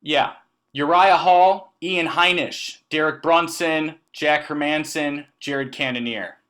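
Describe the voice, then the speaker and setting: Guy hosting a fight podcast, kinda high voice, chatty, lots of um and restarts. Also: slow pace. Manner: animated, hesitant restarts, leads the segments. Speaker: podcast co-host. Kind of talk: casual sports podcast chat.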